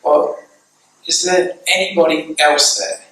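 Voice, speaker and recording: A man's voice: a little high, steady tone, measured pace, a bit bright, heavy reverb, distant mic, low-quality recording. A man playing an anxious company boss. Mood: worried. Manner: increasingly anxious questioning. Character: worried male company boss on the phone.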